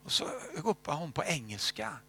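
A man preaching a sermon, telling a story and dropping to hushed whispers at key moments. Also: on the high side, very animated, vocal fry, slight background noise. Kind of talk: sermon testimony.

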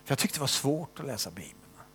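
An older man preaching a sermon and telling his own testimony, moving between loud stressed phrases and hushed whispers and often tagging questions onto his sentences. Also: mid-range voice, very animated, a little hiss or hum.

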